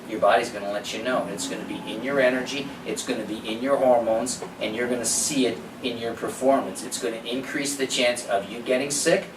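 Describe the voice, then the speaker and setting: A man presenting an informal health seminar in a conversational, opinionated way, with rhetorical questions and quoted asides. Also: mid-range voice. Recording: echoey room, distant mic, background noise.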